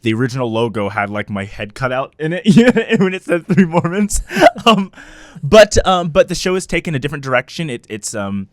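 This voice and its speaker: A man hosting a casual podcast, talking loudly with lots of laughter and filler words. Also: fairly high pitch, moderate pace, dry recording, studio quality. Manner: loud, animated, laughs often, many fillers. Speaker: podcast host.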